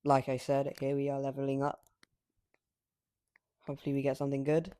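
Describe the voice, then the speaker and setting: A man gives cocky, trash-talking commentary on his mobile game, rambling casually a little fast in a completely flat delivery. His medium-pitched voice has a warm tone, though late-night filming has roughened it slightly.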